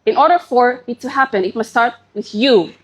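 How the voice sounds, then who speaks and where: A woman's voice: fairly high pitch, slightly rough. Poised young woman giving a pageant answer. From Papua New Guinea. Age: young adult. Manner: poised pageant-answer delivery, measured and deliberate. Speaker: pageant contestant. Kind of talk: formal prepared pageant speech.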